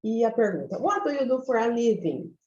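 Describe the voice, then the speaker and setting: A woman teaching a basic English class, slowly and patiently repeating each word to model its pronunciation. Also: a little high, very animated, a little mellow, a little hiss or hum. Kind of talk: recorded online English class. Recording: echoey room, slightly dull lo-fi sound.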